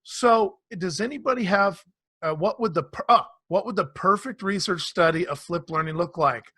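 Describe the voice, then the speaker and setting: A man hosting a casual online panel discussion, animated and quick to laugh, acting out quotes in playful voices. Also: high voice, breathy edge, no room sound. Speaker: panel host.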